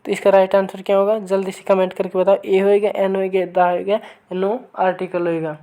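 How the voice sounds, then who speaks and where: A woman teaching an online grammar lesson, who keeps asking her viewers for the right answer and reads each sample sentence slowly and again. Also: medium pitch, little pitch movement, dark tone. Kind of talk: online exam-prep lesson.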